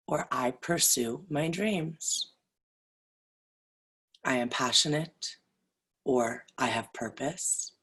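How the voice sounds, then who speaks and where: Guiding a yoga nidra meditation, this woman has a low voice that's both breathy and rough. Her short phrases come very slowly and deliberately, separated by long pauses, in a consistently soothing, instructional delivery.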